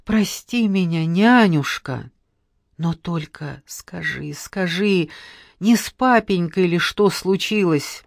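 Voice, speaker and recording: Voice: medium pitch, expressive, slow pace, vocal fry, dry recording, clean studio sound. A narrator voicing an anxious, headstrong young noble girl who presses urgently for answers. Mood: pleading. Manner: urgent, pleading, insistent. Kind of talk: audiobook character reading.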